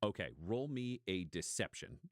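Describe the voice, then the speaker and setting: A man narrating as game master of a tabletop role-playing game, setting scenes slowly and chatting casually with players. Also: lowish voice, expressive, no room sound, clean studio sound. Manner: slow, deliberate scene narration with casual asides.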